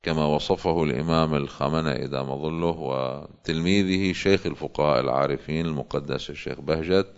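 A man's voice: extremely low pitch, steady tone, brisk, creaky, clean tone, lo-fi sound. A male cleric with a Levantine Arabic accent, giving a religious lesson that explains points and poses rhetorical questions.

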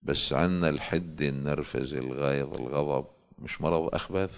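Low-voiced Levantine Arabic cleric. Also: male voice, brisk, vocal fry, lo-fi sound. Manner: explanatory, with rhetorical questions. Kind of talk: religious lesson.

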